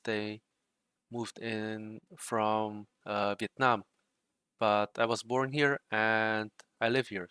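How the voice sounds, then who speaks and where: A young man from the Czech Republic, a livestream host who develops trading bots, chats casually while coding. His voice is lowish, bright and crisp, recorded without echo, and he rambles in a relaxed way, leaning on fillers like "like" and "right".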